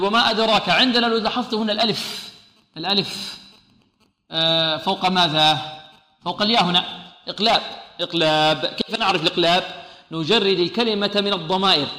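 A man teaching Quran recitation rules, who asks questions and answers them himself and drills each sound slowly. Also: high-pitched, bright, forceful tone, reverberant, big-room sound, rough recording. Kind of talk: tajweed lesson with recited examples.

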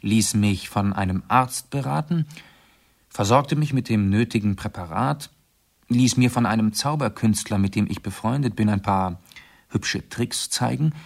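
A male actor in a German radio play portrays an urbane, self-assured aristocratic amateur sleuth, explaining things precisely and theatrically. His lowish, gravelly voice moves at a measured pace, and he sounds composed and satisfied.

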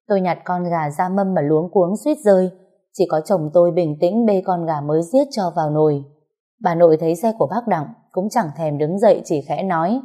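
A woman narrating a ghost story in the first person, in a steady, scripted storytelling manner. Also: on the low side.

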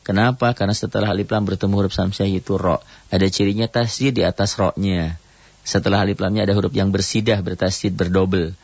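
A man's voice: steady tone, vocal fry, husky, dry recording, dull audio. Man teaching recitation on the radio. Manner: explains rules in short phrases, then chants verses slowly and higher. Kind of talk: radio tajwid lesson.

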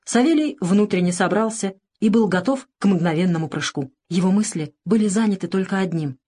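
A woman narrating an audiobook in a measured, even storytelling manner. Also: medium pitch, breathy edge. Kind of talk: audiobook reading of a crime novel.

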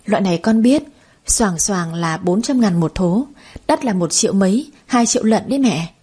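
A woman's voice: medium pitch, expressive, moderate pace, warm tone, husky. A woman voicing a spoiled young sister-in-law who talks in a snide, goading way.

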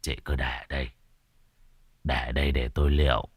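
A man voicing a stern, grave older village sorcerer in a low, hushed voice. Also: little pitch movement, normal speed, faint music behind. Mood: grave calm.

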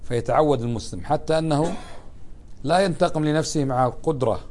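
A man's voice: on the high side, fairly quick, a little mellow, slight background noise. Man giving a religious lesson, questioning students. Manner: asks students questions and answers them, conversational. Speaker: sheikh teaching a lesson. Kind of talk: classroom religious lesson explaining a text.

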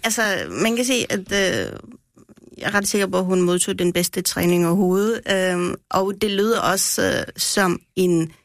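A woman's voice: medium pitch, fairly even intonation, no echo, clean studio sound. A woman guest in a casual radio discussion, explaining her views at length with many restarts. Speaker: guest critic who speaks Russian.

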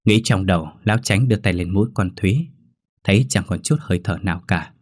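A man narrating a ghost story in a steady, measured reading voice. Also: deep voice, no echo.

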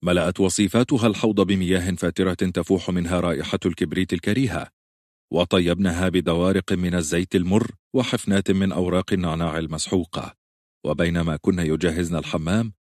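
Guy with a really low voice reading a fantasy audiobook, dry close sound. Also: a little mellow, dry recording. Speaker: audiobook narrator. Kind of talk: scripted audiobook narration.

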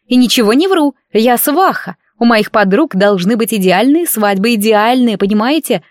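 A shrill young matchmaker, as a woman narrator puts her on, pushing her demands in high, loud bursts. The reading is dry and close to the mic. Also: expressive, normal speed, dry recording, natural voice. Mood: insistent. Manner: shrill, insistent outbursts. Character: shrill, insistent young female matchmaker friend.

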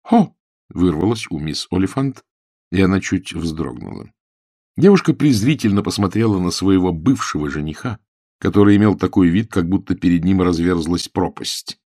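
Gravelly low-voiced male audiobook narrator. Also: animated, normal speed, dark tone, dry recording, studio quality. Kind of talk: audiobook narration of a classic story.

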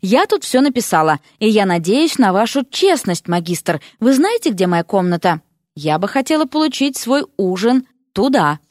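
A woman voicing a bold, witty young sorceress student, speaking brisk and matter-of-fact. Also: medium pitch, big pitch swings, a little mellow, dry recording, clean studio sound, lightly acted.

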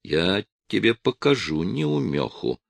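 A man reading an audiobook voices an angry wife, raising his pitch and volume as she nags, sneers and shouts with hatred. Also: sing-song, slow pace, creaky, no room sound, exaggerated voice. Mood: sneering. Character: angry nagging wife, shrill and spiteful.

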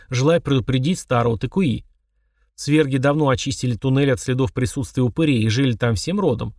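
A man reading a first-person novel aloud as an audiobook narrator, in a measured, even storytelling manner. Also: medium pitch, dry recording, studio quality, recorded from a distance.

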